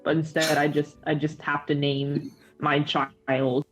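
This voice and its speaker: A woman's voice: deep voice, flat delivery, unhurried, faint music behind. A young woman co-hosting a casual podcast chat, joking in a dry way. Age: young adult. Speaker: podcast co-host.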